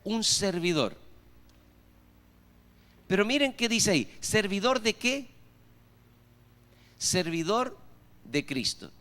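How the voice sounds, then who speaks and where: In a reverberant church hall, an Argentine-accented pastor delivers a sermon, often asking the congregation rhetorical questions. His voice sits high and sounds very animated, pushed, and bright, though he speaks slowly and pauses often.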